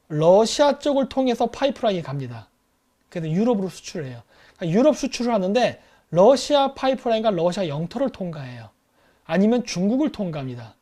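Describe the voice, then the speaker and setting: A man's voice: sits high, darkish tone. A middle-aged man hosting a commentary show, lecturing animatedly and acting out quoted exchanges between countries. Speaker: host.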